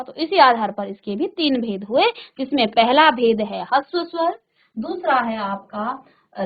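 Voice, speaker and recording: A woman's voice: sits high, muffled recording. A woman teacher giving a classroom lecture, explaining patiently and repeating her points with simple examples. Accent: Hindi speaker from North India. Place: virtual classroom studio.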